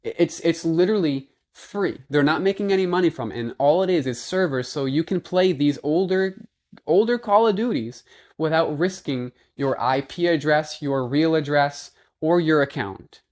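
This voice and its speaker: A man's voice: on the high side, normal speed, darkish tone. A man recorded on a phone's built-in microphone, giving a fired-up, blunt off-the-cuff rant as a gaming video maker and repeating himself.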